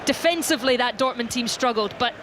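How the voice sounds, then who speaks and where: With a mid-range voice moving a little fast, a football commentator describes a live match in the manner of radio sports commentary. Clear outdoor stadium ambience can be heard in the background.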